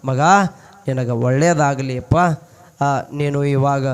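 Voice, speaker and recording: A man voicing a calm, fatherly deity who blesses his devotee in a low, soothing way. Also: takes it slowly, smooth. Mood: gentle blessing. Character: god Mallayya, calm, blessing elder deity.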